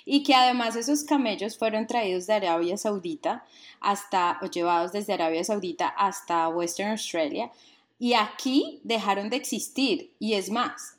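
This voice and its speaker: A woman's voice: mid-range voice, normal speed. A young adult woman with a Colombian accent, talking in casual chat, emphatic and full of slang.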